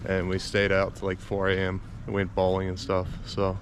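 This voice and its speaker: A man's voice: low voice, monotone, fairly quick. A hungover, weary man grumbling casually as he records a rambling travel vlog outdoors. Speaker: travel vlogger. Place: outdoors, walking around while travelling. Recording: outdoor noise with passing vehicles.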